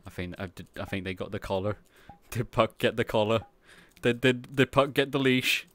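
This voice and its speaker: A man with a lowish, fairly bright voice streams from a virtual world, bantering casually. He's giggly and teasing, laughing often and easily.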